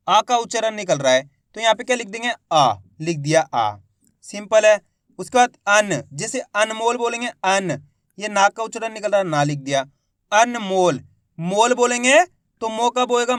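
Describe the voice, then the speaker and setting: A man teaching reading in a patient, coaxing way, sounding out each syllable slowly before joining it into a word. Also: high-pitched, no echo, studio quality. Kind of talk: spoken lesson.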